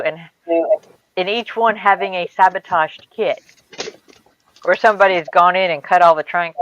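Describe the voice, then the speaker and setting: A woman's voice: lowish voice, fairly bright tone, slight background noise. A woman chatting casually and telling what friends said. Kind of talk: casual chat. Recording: dull, dry sound.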